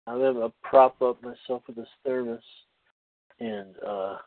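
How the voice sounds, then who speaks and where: A man rambling through a humorous casual chat, wry and halting, often cutting himself off mid-thought. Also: medium pitch, fairly even intonation, dry recording, phone-quality sound. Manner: halting, self-interrupting, wry.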